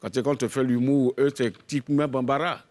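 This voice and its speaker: A man on a jury gives a contestant direct, firm advice. His voice sits at an ordinary pitch, and the sound is close and dry. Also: fairly even intonation, brisk, darkish tone, no echo. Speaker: jury member. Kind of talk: spoken critique of a contestant.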